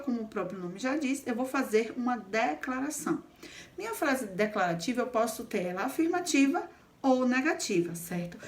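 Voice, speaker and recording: A woman teaching a grammar lesson, explaining step by step and often checking in with the class. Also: a little high. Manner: explains patiently, checks in with frequent "certo?".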